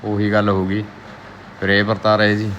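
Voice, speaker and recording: A man's voice: lowish voice, completely flat delivery, moderate pace, a bit bright, a little hiss or hum. A man with a Punjabi accent talking casually and playfully in a village vlog, teasing the people around him. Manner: playful, teasing with friends and children. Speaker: vlogger.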